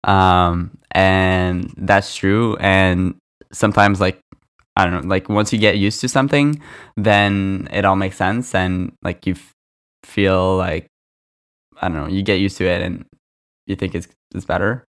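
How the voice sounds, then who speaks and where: A young man with a low, steady, fairly bright voice talks at a measured pace. He's a product designer co-hosting a casual podcast, chatting away and peppering his speech with likes and ums.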